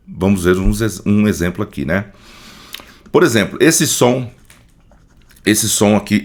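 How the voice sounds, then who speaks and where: A man teaching English pronunciation, patiently repeating words and checking in with his listeners. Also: on the low side. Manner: models words slowly and in a drawn-out way. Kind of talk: screen-share phonetics lesson.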